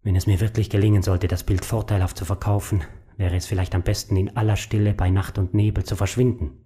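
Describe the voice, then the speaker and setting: A man's voice: fairly low pitch, flat delivery, fast, dark tone, lightly acted. A man voicing an anxious, troubled male painter who mutters tensely and broods. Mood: brooding.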